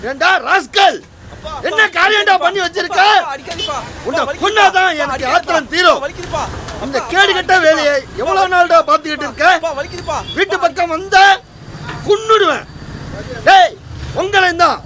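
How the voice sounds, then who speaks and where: A man playing a furious father who shouts threats at his son in a live stage drama. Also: very high voice, moderate pace, pauses often, a crowd in the background. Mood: raging.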